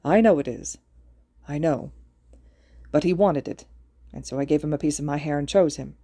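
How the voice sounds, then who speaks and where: Brief: woman playing a kind, weary mentor, low and soft-spoken. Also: normal speed, dry recording, clean studio sound. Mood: earnest. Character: earnest, weary older male hero.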